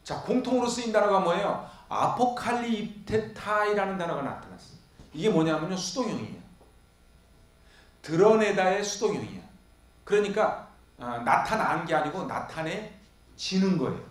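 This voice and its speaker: A man preaching to his congregation in a high, bright-toned voice. He keeps putting questions to the room and answering them himself. The sound rings around a reverberant church hall. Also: expressive, moderate pace. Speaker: pastor. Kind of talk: expository sermon. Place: church sanctuary.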